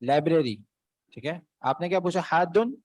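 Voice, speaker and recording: A man's voice: a little high, lively intonation, a little mellow, no room sound. A man teaching an Arabic class online in Urdu, patiently explaining words and checking in with his students. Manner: patient, keeps checking with "okay". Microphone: online video call.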